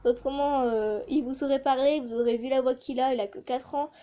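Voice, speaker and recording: A chatty woman talks casually for her gaming channel. Her voice sits high but sounds mellow and warm. She pauses often to hesitate as she thinks. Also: fairly even intonation, clean tone, highs cut off. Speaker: gaming YouTuber testing a voice changer app. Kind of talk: casual vlog commentary.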